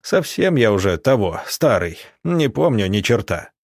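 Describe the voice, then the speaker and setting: A man's voice: on the low side, sing-song, a little slow, husky, no echo, studio quality, exaggerated voice. A man playing a weary, grumbling village elder in his sixties. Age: 60s. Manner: tired, grumbling.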